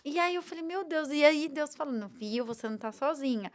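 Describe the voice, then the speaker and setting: High-voiced Brazilian woman telling a story. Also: brisk. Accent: Brazilian Portuguese. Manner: animated, emotional, quotes her own thoughts. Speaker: podcast guest, entrepreneur. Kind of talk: storytelling in a podcast interview.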